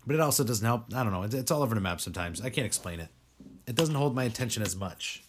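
A man's voice: on the low side, lively intonation, fast talker, background noise. A man hosting a podcast in casual chat, rambling with lots of "like" and frequent swearing. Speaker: podcast host.

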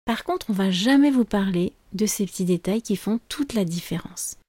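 Warm-voiced woman giving a podcast lesson. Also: mid-range voice, moderate pace, faint music behind. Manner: calm, explanatory, with frequent fillers. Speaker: French teacher and podcast host.

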